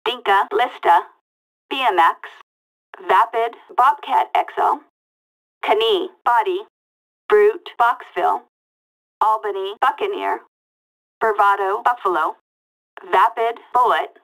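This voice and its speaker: Through a police radio filter, a video game actress playing a dispatcher reads out car makes and models one clipped word at a time. She speaks slowly with frequent pauses in a mid-range, fairly bright voice, detached and procedural, on a low-quality recording.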